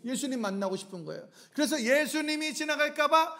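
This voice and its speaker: A middle-aged pastor preaching a revival sermon in a church, firing either-or questions at the congregation and acting out shouts. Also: male voice, very high voice, lively intonation, fairly quick. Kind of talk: lively revival sermon with call-and-response questions. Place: church sanctuary.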